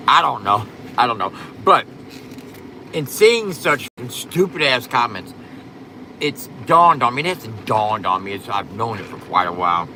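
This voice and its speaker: A man's voice: fairly low pitch, background noise. A man chatting casually on a livestream in a blunt, profane, rambling way, his speech slightly slurred and lisping as with loose new dentures. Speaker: livestream host.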